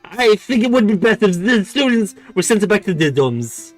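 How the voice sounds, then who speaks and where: A man's voice: sits high, sing-song, moderate pace, pitched above the performer's own voice. A fussy, flustered foreign waiter, played by a man stumbles through broken English with a raised, strained voice. Faint game music sits behind him.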